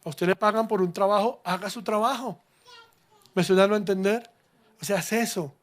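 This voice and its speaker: Middle-aged pastor, high pitched, preaching with jokes. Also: male voice, a little fast. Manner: lively, questioning the congregation, humorous. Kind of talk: sermon.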